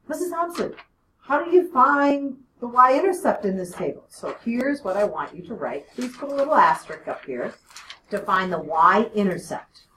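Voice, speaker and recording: A woman's voice: mid-range voice, far from the mic, a little hiss or hum. Woman teaching math in an echoey classroom. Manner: explains step by step with frequent "okay?" and "right?" checks. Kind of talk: classroom lecture.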